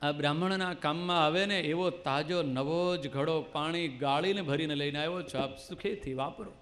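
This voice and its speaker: A man's voice: a little high, moderate pace, a bit bright, lightly acted. A man doing a humble, devout farmer. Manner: respectful, devout. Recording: clear devotional music with tabla behind.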